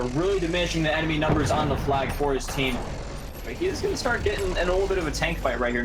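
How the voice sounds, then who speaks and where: Energetic man calling a video game match. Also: on the high side, very noisy. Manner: quick, energetic, laughs easily. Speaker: esports commentator. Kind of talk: live play-by-play commentary. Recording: game gunfire loud in the background.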